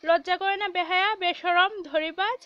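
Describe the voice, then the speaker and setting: A woman voicing a furious young mother who shouts and hurls insults down the phone in a read-aloud story. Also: very high-pitched, steady tone, normal speed, dry recording, lo-fi sound. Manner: scolding, hurling insults.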